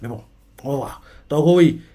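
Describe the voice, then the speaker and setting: A manga reaction YouTuber with a high, brisk, warm and husky voice casually recaps a manga chapter, rambling along with plenty of fillers and repeated words.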